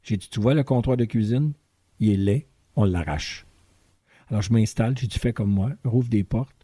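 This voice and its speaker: A man with a Québécois accent, a guest in a casual interview, telling a story in an animated way and acting out the dialogue. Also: on the low side, normal speed, slightly rough, no echo. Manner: animated storyteller who acts out quoted dialogue. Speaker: guest singer-songwriter and voice teacher.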